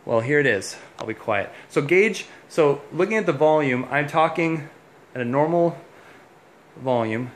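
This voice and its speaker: A man's voice: on the high side, animated, unhurried. A man who installs heating and cooling, giving a casual hands-on walkthrough indoors in a home, explaining as he goes with plenty of fillers.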